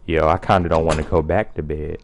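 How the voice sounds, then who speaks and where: A man's voice: a bass voice, flat delivery, brisk, gravelly, a little hiss or hum. A young man giving slangy, joking commentary while playing a horror game and reading its text aloud. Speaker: let's play gamer. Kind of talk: casual gameplay commentary.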